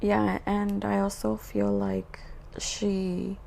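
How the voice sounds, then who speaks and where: A woman's voice: medium pitch, very animated, vocal fry, dark tone, slight background noise. A woman in her twenties co-hosting a podcast, chatting casually and chiming in agreeably. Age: 20s. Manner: friendly, agreeable, quick supportive interjections. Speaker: podcast co-host. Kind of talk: casual chat.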